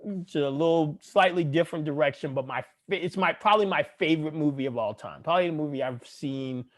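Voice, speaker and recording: A man co-hosting a casual podcast chat, talking in animated, profane, laughing banter. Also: a little high, fast. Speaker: podcast co-host.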